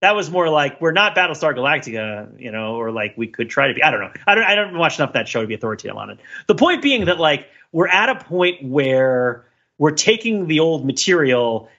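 A man co-hosting a podcast talks through ideas in a casual, analytical panel discussion, his bright, forceful voice a little high, brisk and very animated. He thinks aloud discursively, hedging and wandering into many asides. The audio sounds slightly dull and band-limited.

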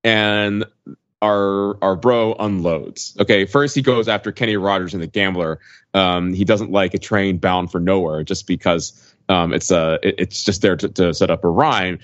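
A man in his forties, speaking as a podcast panelist, shares his opinions in a relaxed, informal way. His voice is low-pitched with fairly even intonation and a moderate pace. The recording is dull and lo-fi, very dry with no room sound.

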